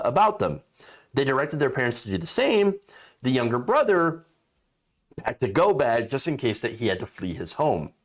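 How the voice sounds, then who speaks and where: A man giving indignant, opinionated political commentary as a host, stressing and repeating words for emphasis. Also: mid-range voice.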